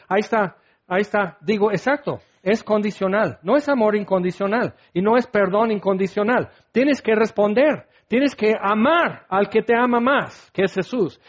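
A man preaching a sermon, animated and acting out scenes, then sinking into soft prayerful tones. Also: high-pitched. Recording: dull lo-fi recording.

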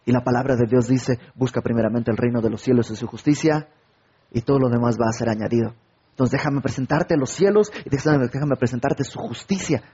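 A man's voice: mid-range voice, a little fast, warm tone, slightly rough, lo-fi sound. A man preaching a sermon, asking his listeners questions and acting out little everyday conversations. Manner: rhetorical questions and acted-out everyday dialogue.

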